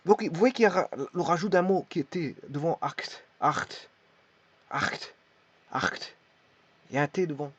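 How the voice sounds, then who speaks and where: A man teaches in a halting way, stopping often and repeating each word as he demonstrates how it sounds. His voice sits somewhat high for a man, and the recording is dull and lo-fi. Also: husky, dry recording. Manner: hesitant, repeats words while demonstrating pronunciation. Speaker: language teacher. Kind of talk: hesitant spoken lesson.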